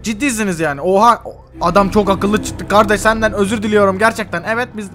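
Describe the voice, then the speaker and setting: Brief: high-voiced, rapid young man, excitable game role-play, faint game ambience behind. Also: faint music behind. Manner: excitable, exasperated, exclaiming. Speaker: gamer role-playing in a game.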